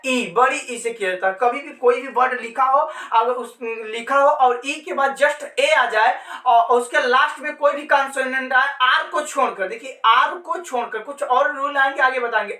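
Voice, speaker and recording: A woman's voice: high-pitched, normal speed, few pauses, a bit bright. A woman teaching English pronunciation in a patient classroom manner, repeating points and asking herself questions before answering. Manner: patient, repetitive, asks and answers own questions. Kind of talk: classroom-style lesson. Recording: echoey room from far off.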